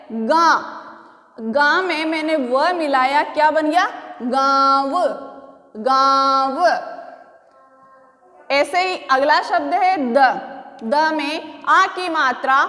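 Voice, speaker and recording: A woman school teacher giving a recorded spelling lesson to children, going slowly and asking them questions again and again. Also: high voice, fairly bright tone, big-room sound. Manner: slow, repeating call-and-response questions to pupils.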